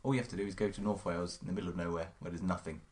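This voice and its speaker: A man's voice: sits low, steady tone, rapid-fire, a little mellow. A man co-hosting a podcast, chatting casually and dropping blunt, dry one-liners. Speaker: podcast co-host. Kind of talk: casual chat.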